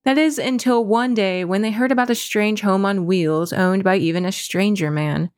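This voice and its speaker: A woman reading a dream story aloud in a measured, reflective way, then musing on what it means. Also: mid-range voice, dry recording, clean studio sound.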